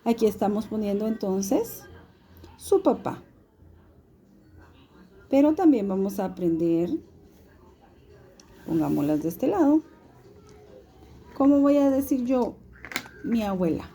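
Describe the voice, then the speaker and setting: A woman teaching a recorded video lesson, with a very dark, mellow tone. She talks slowly and patiently and puts questions to her students as she explains. Her speech is unhurried and steady. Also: medium pitch.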